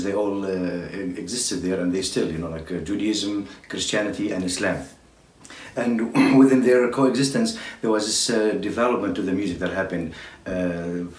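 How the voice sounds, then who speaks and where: A man from Syria, a drummer giving an informal talk, halting with many fillers. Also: fairly low pitch. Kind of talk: informal spoken lecture. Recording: echoey room, distant mic.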